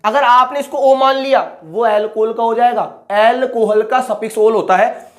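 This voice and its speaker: A male chemistry teacher giving an online lecture in casual Hindi. He asks a question, answers it himself, and repeats the key terms, slowing down to spell out each formula. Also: very high-pitched, steady tone. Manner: slows right down to spell out formulas.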